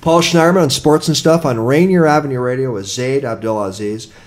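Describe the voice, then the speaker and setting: A man's voice: medium pitch, fairly quick. A man hosting a sports radio interview, putting conversational questions to a guest.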